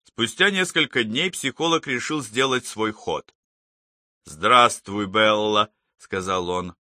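A man reading a novel aloud as a narrator, in a measured, even way. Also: medium pitch, no room sound, clean studio sound. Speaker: audiobook narrator. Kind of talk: scripted narration.

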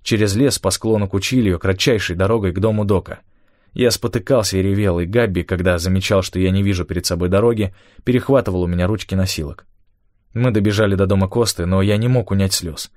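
A man narrating an audiobook in a steady, measured first-person storytelling manner. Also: low-pitched, no room sound, clean studio sound.

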